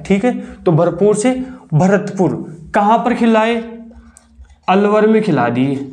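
High-voiced teacher, call-and-response. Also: male voice, a little mellow. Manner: repeats questions and answers them himself, drawn-out emphasis. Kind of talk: classroom lesson teaching a memory trick.

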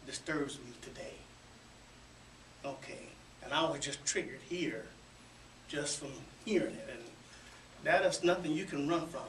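Higher-voiced male veteran, candid and plain. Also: a little slow, pauses often, a bit bright. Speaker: retired Iraq veteran panelist. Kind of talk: radio roundtable talk. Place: small radio studio. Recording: roomy, distant camera audio with faint noise.

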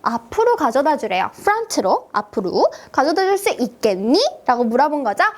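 A woman leads a children's English lesson in a high, bright voice that swings widely up and down. She sounds playful and sing-song, throwing in big gasps and cheerful prompts to young learners. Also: very animated, normal speed.

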